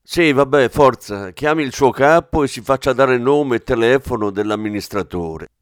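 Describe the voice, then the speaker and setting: Man doing a brisk, commanding police commissioner. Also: mid-range voice, clear, resonant tone, dry recording, studio quality, close to an everyday voice. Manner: commanding, impatient. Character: brisk middle-aged male police commissioner.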